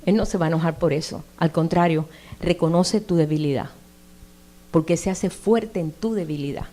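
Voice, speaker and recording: A woman's voice: fairly low pitch, moderate pace, mellow. A woman preaching a sermon in a conversational way. She reads scripture aloud with emphatic rises and puts questions straight to her listeners. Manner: addresses listeners directly with tag questions.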